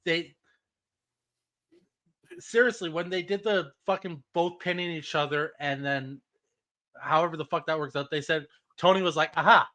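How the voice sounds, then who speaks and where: A man with a bright, forceful voice in casual podcast chat about wrestling news. He is blunt and profane, readily sliding into exasperated rants. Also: on the high side, moderate pace, long pauses.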